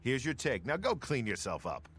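An actor playing a gruff middle-aged gladiator trainer in a fantasy video game, giving tough, condescending coaching. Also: male voice, medium pitch, wildly swooping pitch, normal speed, fairly bright tone, slight background noise. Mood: gruff, stern. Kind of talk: video game character dialogue.

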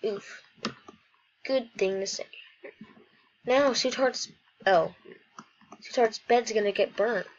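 A woman reading a game story aloud in casual commentary, playful and rambling, with quick asides between lines. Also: fairly high pitch, highs cut off.

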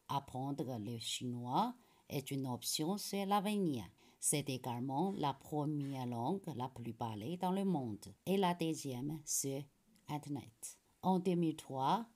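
A middle-aged woman from China, a Mandarin teacher whose first language is Chinese, giving a careful, slow presentation to parents in a small room. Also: low voice, poor audio. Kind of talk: recorded school presentation.

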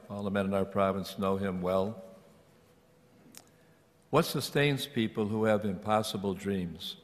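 An older man, a priest, speaking in a measured, solemn liturgical way with a cathedral echo on his voice. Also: fairly low pitch. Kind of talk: liturgical reading and homily. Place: large church, at the lectern. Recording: echoey church hall, long reverb.

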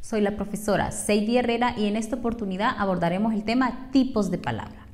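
A woman from Honduras teaching a scripted lesson, speaking slowly and clearly and listing examples one by one. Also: medium pitch, darkish tone.

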